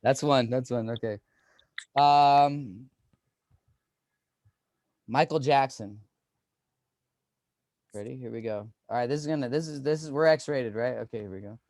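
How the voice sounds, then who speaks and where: A man's voice: medium pitch, measured pace, pauses often, darkish tone, no echo, clean studio sound. A man in his thirties doing a stand-up comedy set, rambling and self-deprecating with lots of fillers.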